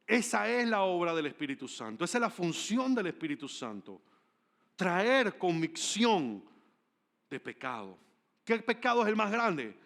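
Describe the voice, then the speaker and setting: Animated preaching man, fairly high voice. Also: measured pace, gravelly. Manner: animated, emphatic storytelling that swings between loud and hushed. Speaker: pastor. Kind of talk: sermon. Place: church service.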